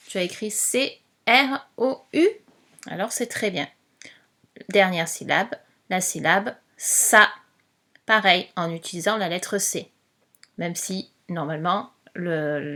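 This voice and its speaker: A woman teacher giving a slow spelling dictation, patiently spelling out letters one by one. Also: fairly low pitch, pushed and bright.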